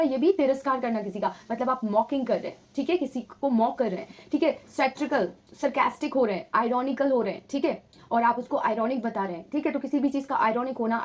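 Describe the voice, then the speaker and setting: Woman, high voice, teaching vocabulary patiently, repeats points and checks in with learners. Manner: patient, repetitive explaining, checks understanding often. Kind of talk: bilingual vocabulary lesson.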